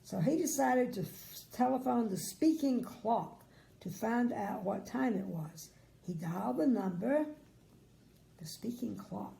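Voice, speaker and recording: A sweet older woman reading a children's bedtime story aloud in a gentle, grandmotherly way, with chatty asides. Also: a little high, expressive, a little slow, creaky, poor audio.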